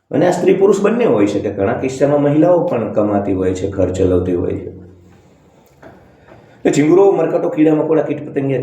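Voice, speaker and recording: Mellow-voiced man scolding in a roomy echo. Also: medium pitch. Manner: scolding, preachy, sarcastic, with rhetorical "hm?" asides. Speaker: motivational speaker. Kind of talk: blunt motivational monologue.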